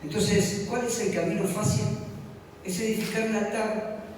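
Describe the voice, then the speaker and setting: A man's voice: high voice, steady tone, normal speed, darkish tone, a little hiss or hum. A male pastor preaching a fervent sermon, firing rhetorical questions at his congregation. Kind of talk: Spanish-language church sermon. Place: large church hall. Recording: echoey hall heard from far off.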